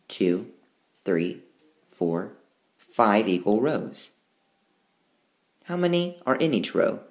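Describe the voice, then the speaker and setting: Over a tablet screencast, a male teacher reads a picture book's rhymes aloud slowly and unhurriedly, in a sing-song style with lively pitch. His pitch swings widely during the reading, then settles once he turns to explaining the counting and the math.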